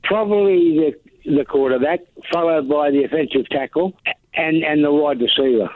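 A man's voice: on the high side, moderate pace, no echo. A man with an Australian accent calling in to a show, giving short, plain answers. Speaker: caller. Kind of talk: casual call-in chat. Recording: tinny phone line.

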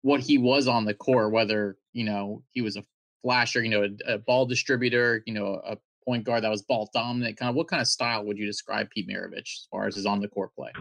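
A man's voice: on the low side, fairly even intonation, fairly quick, gravelly, a bit bright, no echo. A man hosting an interview, earnestly asking long, wordy questions. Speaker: interviewer, host. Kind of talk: podcast interview.

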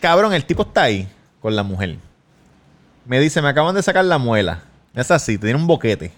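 Animated Puerto Rican man telling a story. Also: medium pitch, brisk. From Puerto Rico. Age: 30s. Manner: animated storytelling, acts out dialogue, laughs often. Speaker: podcast guest. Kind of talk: casual chat.

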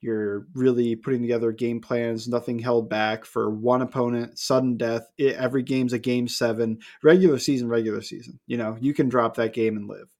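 A man's voice: mid-range voice, little pitch movement, moderate pace, few pauses, a little mellow. A man co-hosting a sports podcast, talking casually and opinionatedly, firing off rhetorical questions. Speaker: podcast co-host.

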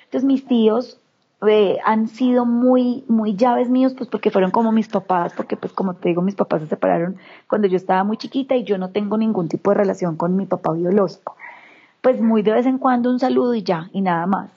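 A woman's voice: medium pitch, brisk, slightly rough, dull audio. A woman from the Antioquia region of Colombia with a paisa accent, telling a personal family story as an interview guest and acting out what her relatives said. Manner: animated, acts out quoted relatives.

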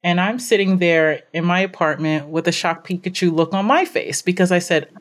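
A woman guest on a podcast, telling her story in an animated, emphatic way, repeating phrases for effect. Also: fairly low pitch, normal speed. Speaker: podcast guest, business owner.

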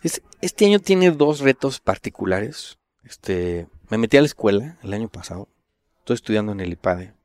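A man's voice: lowish voice, normal speed, no room sound. Slangy Mexican man telling a story. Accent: Mexican Spanish. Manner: slangy, swears freely, animated when quoting others. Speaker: interview guest, designer. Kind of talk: casual storytelling interview.

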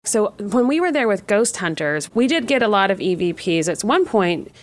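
A woman's voice: medium pitch, sing-song, moderate pace. A woman hosting a casual podcast chat, reflective and conversational, musing as she talks.

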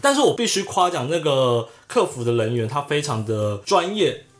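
A man's voice: fairly high pitch, normal speed. A man, co-hosting a casual podcast and animatedly recounting a story. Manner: animated storyteller, acts out the people in his story. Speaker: podcast co-host.

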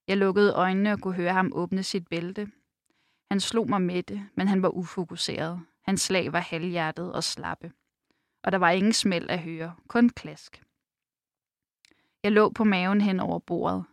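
Give me a woman with a lower voice reading a novel aloud, measured and calm. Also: no echo, studio quality. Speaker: reader and book discussant.

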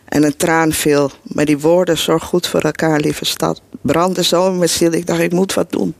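A woman's voice: low-pitched, level tone, moderate pace, vocal fry, dry recording. A middle-aged woman telling her own life story to an audience in an earnest, emotional and blunt way. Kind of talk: personal storytelling before an audience.

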